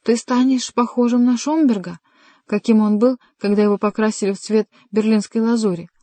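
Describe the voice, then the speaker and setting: Woman voicing a shrill overwrought king. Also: steady tone, moderate pace, warm tone, no echo, natural voice. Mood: frantic pleading. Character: hysterical, raging male king, middle-aged.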